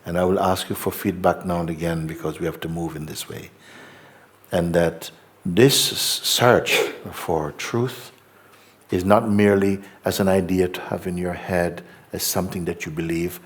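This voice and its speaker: A middle-aged man, a spiritual teacher, gently and slowly guiding a meditation talk in a hall before a live audience. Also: sits low. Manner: slow, gentle, repetitive, hesitant.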